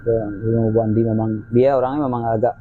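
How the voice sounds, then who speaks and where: A male guest tells a casual ghost story from his own life, speaking at a quick pace with medium pitch. He brings it to life by performing the voices of the people in it, and the lo-fi recording sounds dull with faint noise.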